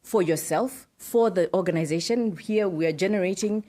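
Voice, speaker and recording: A middle-aged woman from Zimbabwe speaks in a fairly low voice as a podcast guest. She explains things patiently, ticking off examples one after another and dropping in quick "right" and "yes" replies. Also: mellow. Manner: explains in lists, frequent affirming "right, yes". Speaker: podcast guest, data protection officer. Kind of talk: casual interview talk.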